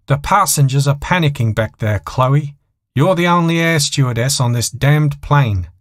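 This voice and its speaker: A man voicing a hot-tempered, foul-mouthed, frantic male airline pilot in an audio thriller story, exasperated and shouting. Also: medium pitch, animated, a little slow, dry recording, studio quality, voice pushed up, natural voice. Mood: furious.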